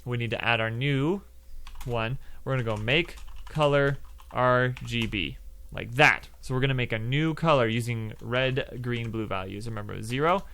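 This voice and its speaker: A man's voice: mid-range voice, moderate pace, pushed and bright, clear, resonant tone. Young man, casual coding tutorial, chatty and loose, keyboard clicks behind. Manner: loose and chatty, lots of fillers, plays laser noises. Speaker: game development tutorial host.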